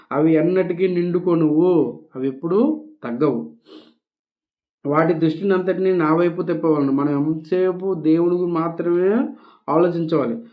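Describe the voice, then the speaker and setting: A man reading a devotional text aloud and explaining it in casual speech, with small restarts and English words dropped in. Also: a little high. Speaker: devotional reader. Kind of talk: scripture reading with spoken commentary. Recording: tinny phone-like recording.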